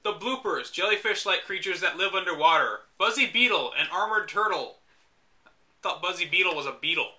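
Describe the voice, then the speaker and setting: Reading from a game guide, this man speaks in a high, animated voice at a fairly quick clip, his tone sharp. He keeps interrupting himself with dry, fed-up comments, turning the reading into sarcastic commentary.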